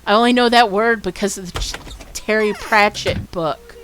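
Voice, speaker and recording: A woman's voice: medium pitch, normal speed, a bit bright, soft background music. A woman from the US chatting casually and wryly while playing a game on stream. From United States. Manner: chatty, rambling, wry. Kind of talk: casual gameplay commentary.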